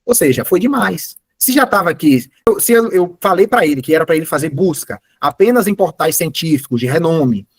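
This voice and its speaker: A man's voice: fairly high pitch, animated, fairly quick, hardly any pauses, husky, dry recording. A man giving a live online class, explaining step by step and often correcting himself mid-sentence. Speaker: course instructor.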